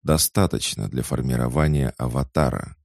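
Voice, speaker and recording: Male audiobook narrator, extremely deep voice, gravelly, measured, dry close recording. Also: a little mellow, dry recording. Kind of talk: scripted narration.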